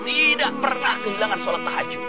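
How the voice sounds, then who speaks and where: Male preacher, animated storyteller, very high voice, loud music bed. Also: fast talker. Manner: animated, emotive, laughs with audience. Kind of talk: sermon storytelling.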